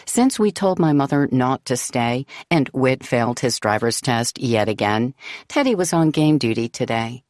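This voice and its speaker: A woman's voice: a bass voice, animated, normal speed, a little mellow, no room sound. A woman narrating a novel in the first person, composed and wry, close to the mic. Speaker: audiobook narrator.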